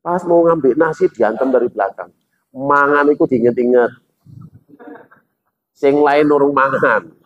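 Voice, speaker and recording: A man's voice: mid-range voice, a little slow, pauses often. Joking preacher, man. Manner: joking, animated, acts out characters. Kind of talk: humorous sermon with storytelling. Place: mosque gathering. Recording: dull lo-fi sound.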